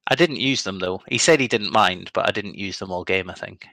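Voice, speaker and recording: A man with a lowish voice hosts a relaxed podcast chat. He rambles and pokes fun at himself, filling gaps with ums. The sound is dry and close. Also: a little fast, creaky, no echo. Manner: rambling, self-deprecating, many ums. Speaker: podcast host. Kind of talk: casual chat.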